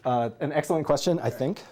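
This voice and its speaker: A man's voice: fairly low pitch, a little mellow. Man teaching a Greek class. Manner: drills students, jokes and laughs. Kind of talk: classroom lesson.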